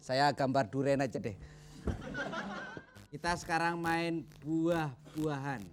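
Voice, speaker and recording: A man's voice: a little high, takes it slowly, background noise. A man co-hosting a comedy quiz, opening a round with formal announcer phrasing. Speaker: quiz co-host.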